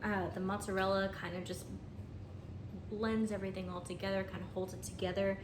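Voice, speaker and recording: A woman's voice: mid-range voice, flat delivery, a little fast. Chatty woman in an echoey kitchen. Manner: chatty, friendly walkthrough with fillers. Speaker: home cook. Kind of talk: casual cooking vlog. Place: home kitchen. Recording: echoey room, voice from a distance, noisy.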